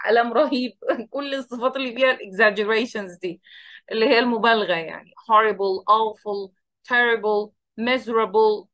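A woman with an Egyptian Arabic accent teaching English, explaining quickly in Arabic and modelling English phrases slowly and carefully. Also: a little high, fairly bright tone, no room sound. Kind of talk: bilingual English lesson.

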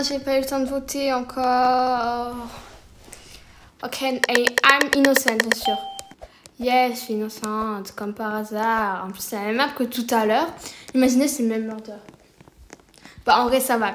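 A woman chatting through her gameplay, rambling easily and breaking into sudden excited exclamations. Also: a little high, a little slow, background noise. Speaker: gaming video creator. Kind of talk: gameplay commentary.

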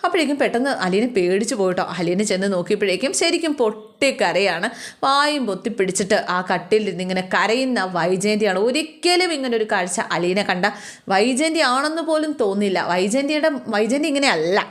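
A woman's voice: medium pitch, lively intonation, fairly quick. A woman narrating a family drama in a chatty, casual storytelling way, often turning to the listener with little asides.

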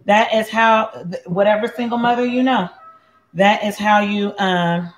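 A woman's voice: mid-range voice, fairly even intonation, measured pace. A woman from Puerto Rico hosting a casual cooking demonstration at home, chatting while she cooks and chewing between sentences. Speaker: home cook host. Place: home kitchen. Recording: echoey kitchen with faint ambient noise.

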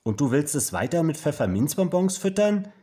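A fussing, worried mother from a children's storybook, put on by a man reading aloud. Her voice sits well above his own with a husky breathiness and a lively, rising lilt. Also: normal speed. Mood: scolding. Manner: high, fussing, alarmed questions. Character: worried, strict mother of a young boy.

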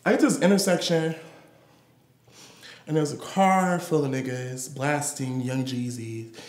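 Recorded live in a roomy gallery, a young American man from Detroit tells candid personal stories as a performance artist in a slangy, sassy, playful way. His voice is medium-pitched and steady, a little slow.

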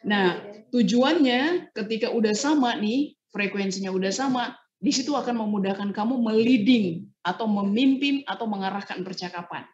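A woman's voice: mid-range voice, moderate pace. A woman trainer giving a casual online training talk, acting out short example dialogues as she explains. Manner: lively, acts out example dialogues. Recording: roomy, dull lo-fi sound.

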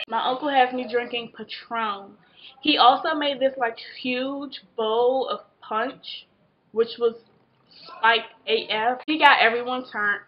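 Casting: American woman, 20s, higher voice, drunk and rambling storytime vlogger, animated, slightly dull camera audio. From Washington, D.C., United States. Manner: tipsy, drunk rambling, losing the thread; animated exclamations and drawn-out words. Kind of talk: casual storytime chat while doing makeup. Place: small bedroom, indoors. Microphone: camera a short distance away.

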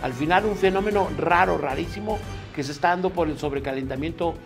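A man with a fairly high voice relays a news item in a loose, rambling way, stopping to search for words. Soft music plays faintly behind him. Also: quick pace, gravelly. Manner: rambling with many fillers and restarts. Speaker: comedy news co-host. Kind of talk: casual news commentary.

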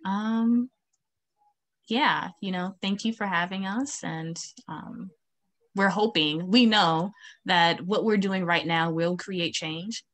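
On a town hall video call from home, a young woman student activist speaks earnestly with lots of fillers, a virtual beach background behind her. Her medium-pitched voice is a bit bright, and she takes her time.

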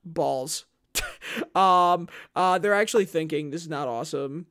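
A man streaming live and rambling excitedly at his chat, swinging from loud hype to low muttering. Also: normal speed. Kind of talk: live gameplay commentary to chat.

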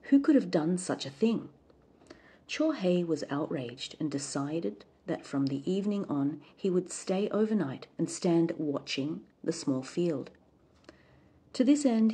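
A woman reads a folk tale aloud in a calm, measured way. Her voice is low, husky and mellow. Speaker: storyteller.

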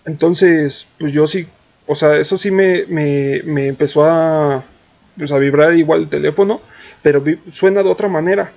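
A young man with a Mexican accent telling a story in a slangy, animated, mocking way. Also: on the high side, moderate pace, vocal fry, highs cut off. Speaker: streamer and vlogger. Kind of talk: casual storytime.

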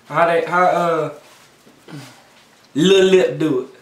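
A man's voice: a little high, fairly even intonation, slow pace. A man joining a mukbang video as co-host, bantering playfully and goofing around. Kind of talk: casual chat. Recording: echoey small room, far from the mic.

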